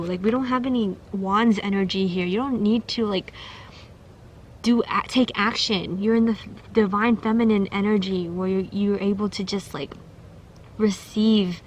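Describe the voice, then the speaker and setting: A woman's voice: mid-range voice, slight background noise. A young woman giving a casual pick-a-card tarot reading, chatty and giggly, with many fillers and restarts. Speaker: tarot reader.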